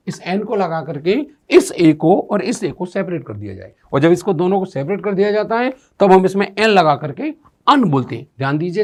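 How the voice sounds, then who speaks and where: A man explaining English grammar step by step as a teacher, often asking rhetorical questions and reading out English sentences. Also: high voice. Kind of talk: classroom-style grammar lesson.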